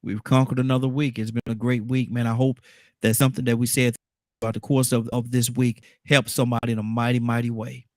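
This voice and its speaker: A man with a mid-pitched voice, recorded very dry. He hosts a radio show in casual banter and often repeats a phrase to drive it home. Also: flat delivery, brisk, dry recording.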